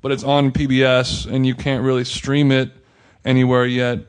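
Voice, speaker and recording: A man's voice: medium pitch, completely flat delivery, moderate pace, smooth. A man co-hosting a podcast in casual chat, rambling and hedging his opinions with lots of fillers. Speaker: podcast co-host.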